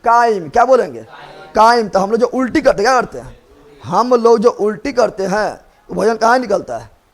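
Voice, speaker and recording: A man's voice: high-pitched, very animated, normal speed. A man teaching a biology class, drilling students with repeated questions and playfully scolding them. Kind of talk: classroom lecture.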